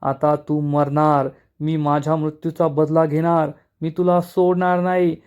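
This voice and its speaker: The vengeful ghost of a murdered woman, slow and accusing as she threatens, put on by a man retelling a serial. The voice is mellow and sits fairly high. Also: flat delivery, clear, resonant tone, close to an everyday voice.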